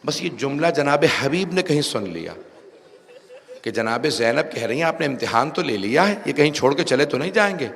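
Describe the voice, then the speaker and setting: Gravelly Pakistani preacher in an echoing hall. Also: male voice, medium pitch, expressive. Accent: Pakistani Urdu. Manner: dramatic, voices figures in quoted speech, rises to loud cries. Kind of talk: Shia majlis sermon.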